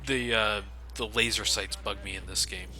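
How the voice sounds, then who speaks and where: A man with a lowish, steady voice speaks at a moderate pace, offering casual, explanatory game commentary laced with plenty of swearing. He's a let's play commentator, and loud video game gunfire and action play behind his voice.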